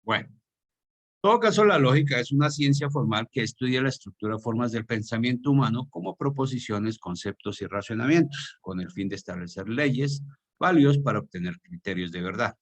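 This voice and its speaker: A man's voice: mid-range voice, animated, normal speed. A man with a Colombian Spanish accent, teaching an online class over a video call, explaining and quizzing his students.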